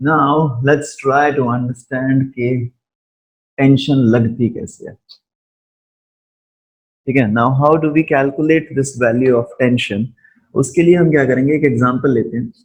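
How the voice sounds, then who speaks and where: Slow, steady male physics teacher. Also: medium pitch. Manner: speaks deliberately slowly, checks in with students often. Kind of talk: live online lesson, mixing Hindi and English.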